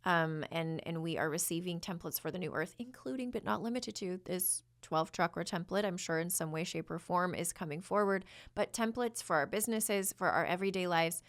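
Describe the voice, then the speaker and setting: A woman hosting a spiritual podcast, chatting loosely and drifting into hushed, breathy passages and flowing chants of invented syllables. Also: on the low side, a little fast, few pauses. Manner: chatty, rambling, frequent restarts. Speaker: podcast host, spiritual channeler. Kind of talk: casual spiritual guidance with channeled chanting.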